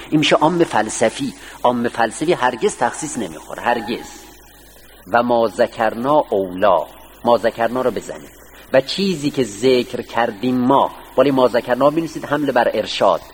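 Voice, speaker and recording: A male seminary teacher giving a classroom lecture, reading a text line by line and putting questions to his students. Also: medium pitch. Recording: distant voice with long hall reverb, faint hiss.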